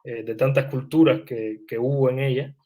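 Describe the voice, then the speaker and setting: A man's voice: mid-range voice, steady tone, normal speed, mellow. A young man, a writer answering interview questions in a thoughtful, hesitant way, with frequent restarts and fillers. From Cuba.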